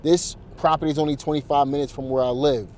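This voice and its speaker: A man's voice: a little high, steady tone, fast talker, a little mellow, a little hiss or hum. A man, a real estate investor, chatting casually to viewers in a walk-through vlog, talking straight to the camera with lots of fillers and restarts. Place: outdoors at a house, then in a car.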